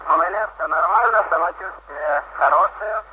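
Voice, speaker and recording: A man reporting in brisk, clipped radio procedure over a crackling, breaking-up space radio link. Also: high voice. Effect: crackling, breaking-up space radio transmission. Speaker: pilot awaiting launch. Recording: hissy muffled archival radio link.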